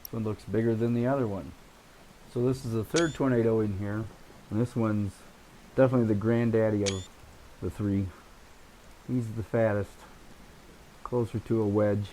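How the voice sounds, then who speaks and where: Low-voiced man thinking aloud, noisy background. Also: a little slow, pauses often. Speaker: gamer narrating a storm-chasing simulation game. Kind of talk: casual gameplay commentary. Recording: clear steady background noise.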